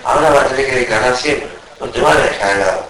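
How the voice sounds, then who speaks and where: A man's voice: mid-range voice, a bit bright, a little hiss or hum. Argentine man, echoey and distant. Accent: Argentine Rioplatense. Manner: tense, halting storytelling full of street slang. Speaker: witness being interviewed. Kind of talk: telling a personal account.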